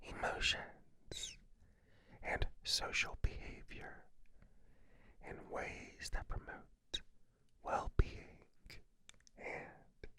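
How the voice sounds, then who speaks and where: A narrator giving a scripted ASMR explainer in a breathy, unvoiced whisper, in short phrases with pauses between them. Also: sharp tone.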